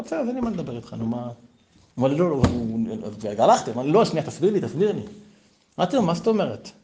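A middle-aged man, a rabbi, giving a Torah lesson full of stories and rhetorical questions. His voice jumps high on the points he stresses. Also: vocal fry, background noise. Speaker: rabbi teaching a Torah class.

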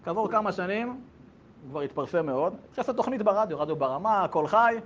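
Male storyteller, high voice, animated, casual, dull lo-fi recording, faint hiss. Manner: lively, animated, acts out characters.

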